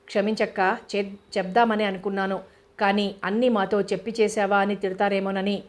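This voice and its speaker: A woman's voice: mid-range voice, flat delivery, moderate pace, natural voice. A woman voicing a remorseful young man who apologizes and pleads with his elder sister, read in an audiobook. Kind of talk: audiobook character reading.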